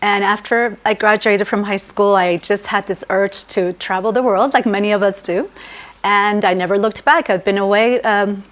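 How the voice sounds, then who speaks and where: A woman's voice: medium pitch, steady tone, normal speed, fairly bright tone. A young woman from Mexico, raised in the US, answering interview questions on a TV program in an upbeat, eager way. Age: young adult. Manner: upbeat, eager, laughs often. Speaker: guest, relocation agency owner and life coach. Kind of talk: talk show interview answers.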